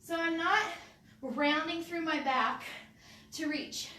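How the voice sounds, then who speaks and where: Upbeat woman coaching a live workout: bright, sniffly, picked up from across an echoey room. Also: very high-pitched, takes it slowly, recorded from a distance. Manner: upbeat, cueing moves and counting reps. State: sniffly, runny nose. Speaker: fitness instructor. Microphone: camera mic from a distance. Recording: echoey room, voice away from the mic.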